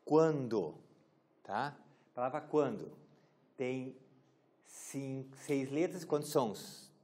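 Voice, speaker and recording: A man's voice: mid-range voice, slow pace, a little mellow. Joking male teacher quizzing a class. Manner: casual, joking, asks the class questions. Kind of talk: classroom lecture.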